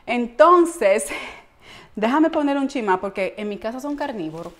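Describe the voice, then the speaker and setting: A woman's voice: on the high side, animated, measured pace. A woman hosts a casual live cooking stream from her home kitchen, chatting, laughing often and answering viewer comments. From Latin America. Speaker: cooking vlog host and coach.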